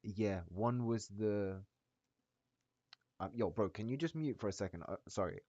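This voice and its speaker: A man's voice: lowish voice, a little slow, warm tone. A man chatting casually with trading friends in slangy, hyped frat-bro talk, calling everyone bro and boys. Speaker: day trader sharing screen with a group. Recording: dull, roomy echoey voice-chat audio.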